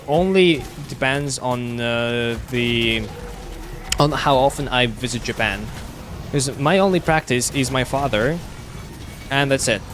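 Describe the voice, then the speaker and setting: A man streaming a game and chatting casually with his viewers, his English carrying a slight British tinge. He speaks in a halting, stop-start way, full of fillers and restarts. His voice sits at an ordinary middle pitch, with a steady noise running underneath. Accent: slight British-sounding English, learned at school. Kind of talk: casual chat while gaming live.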